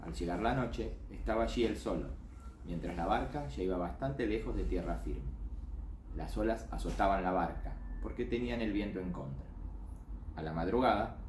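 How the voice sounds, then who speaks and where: A man's voice: fairly low pitch, normal speed, darkish tone, slight background noise. A man teaching a children's church class, reading a Bible passage aloud with expression and voicing the quoted lines. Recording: echoey room.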